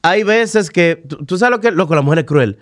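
A man's voice: high-pitched, lively intonation, normal speed. A man, giving emphatic, lecturing opinions on a podcast and often repeating words as he starts a point.

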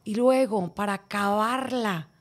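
A woman's voice: mid-range voice, measured pace. A woman with a Mexican accent, co-hosting a podcast and telling a friend's story in slangy casual talk. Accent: Mexican Spanish. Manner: chatty, slangy anecdote telling. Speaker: podcast co-host. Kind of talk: casual chat.

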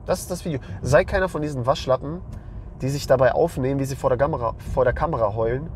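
A young man with a hoarse voice hosting a men's lifestyle channel, talking bluntly and with emphasis and slang, and often repeating himself. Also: medium pitch, fast, darkish tone, a little hiss or hum. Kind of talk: blunt monologue to camera.

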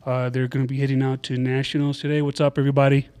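A man's voice: medium pitch, fast, smooth. A man hosting a casual college sports podcast, asking loose, rambling questions with many fillers. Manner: relaxed, filler-heavy questions. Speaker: podcast host. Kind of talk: casual interview chat.

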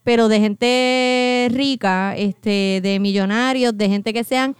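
Smooth-voiced Puerto Rican woman joking. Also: fairly high pitch, fairly even intonation, slow pace, no room sound, clean studio sound. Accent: Puerto Rican Spanish. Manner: joking, profane, storytelling. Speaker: podcast co-host. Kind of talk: casual chat.

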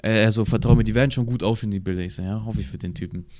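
A man's voice: fairly low pitch, steady tone, racing, a little mellow. A young man in casual chat, telling a rambling, slang-heavy anecdote and acting out both sides of the conversation. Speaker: podcast co-host. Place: at his home computer.

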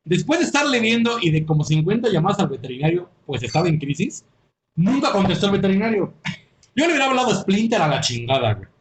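A man's voice: high-pitched, fast talker. A man with a Mexican Spanish accent who hosts a podcast, reading a listener's story aloud in casual comedic chat and laughing often. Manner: animated, laughs often, reads aloud with playful voices.

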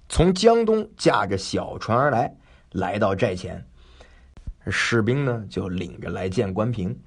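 A man telling a traditional tale in an animated, conversational way with frequent fillers. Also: medium pitch, husky. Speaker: storyteller. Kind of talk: traditional oral storytelling.

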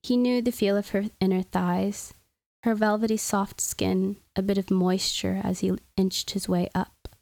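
A woman reads a story aloud in a soft, measured, soothing way. Her voice sits at a middle pitch. The sound is dry and close. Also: level tone, vocal fry, dry recording. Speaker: podcast host reading stories. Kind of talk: scripted story narration.

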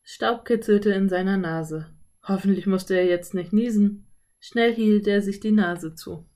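A woman narrating a children's audiobook in a calm, clear storytelling voice. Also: medium pitch, unhurried.

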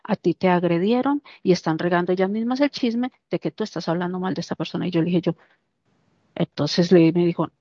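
A woman casually recounting a personal story, lively and animated, acting out the lines of the people in it. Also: on the low side, a little fast, no echo. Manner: animated, acts out quoted dialogue. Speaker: interviewee. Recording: dull, dry lo-fi recording.

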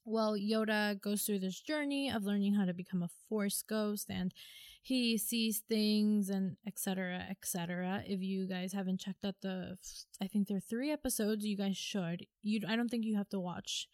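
A woman's voice: mid-range voice, steady tone, normal speed, darkish tone, no room sound, studio quality. A young woman co-hosting a casual fan podcast, rambling with lots of fillers and restarts. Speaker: podcast co-host.

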